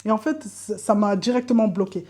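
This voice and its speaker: A woman's voice: medium pitch, steady tone, fairly quick, dark tone. A woman telling a candid personal story to camera, often repeating words for emphasis. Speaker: vlogger.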